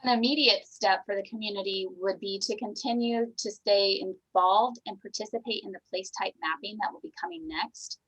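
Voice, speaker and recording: An American woman city planner explaining the planning process clearly in a public meeting. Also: medium pitch, moderate pace, hardly any pauses, a bit bright, low-quality recording.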